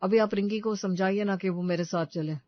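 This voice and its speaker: A woman's voice: medium pitch, steady tone, a little fast, no room sound, highs cut off, natural voice. A woman voicing a mild-mannered young husband in a cartoon story, speaking in a coaxing, placating tone. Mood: pleading.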